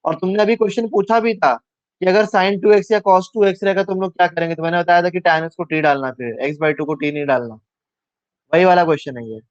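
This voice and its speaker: Male maths tutor, slightly high voice, dull dry recording, walks students through steps and quizzes them. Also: a little fast, dry recording. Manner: talks through steps aloud, asks students questions; mixes English maths terms into Hindi. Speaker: maths teacher. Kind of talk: live online maths class.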